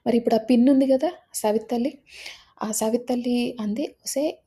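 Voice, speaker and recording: Mellow husky woman telling a folk tale. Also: a little high, normal speed. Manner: lively, animated retelling with character voices. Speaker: storyteller.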